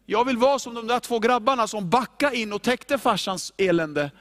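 A male pastor preaching a sermon in an animated, informal and emphatic way, often repeating himself. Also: very high-pitched.

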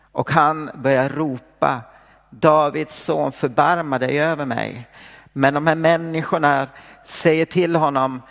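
Gravelly-voiced man preaching in a hall. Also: on the high side. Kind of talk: sermon with scripture reading.

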